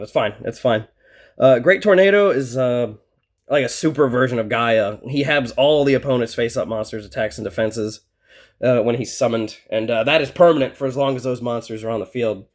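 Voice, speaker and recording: A man with a middle-range pitch hosts a relaxed deck profile. He rambles along, dropping fillers and short chuckles as he explains each card. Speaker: channel host presenting a card deck. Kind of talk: casual deck profile talk.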